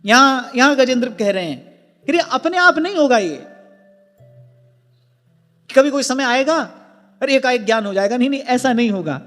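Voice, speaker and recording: Male devotional preacher, very high voice, slow, explanatory; long hall reverb with faint music behind. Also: animated, a bit bright. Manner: earnest teaching, explains word emphasis with examples. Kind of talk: devotional discourse.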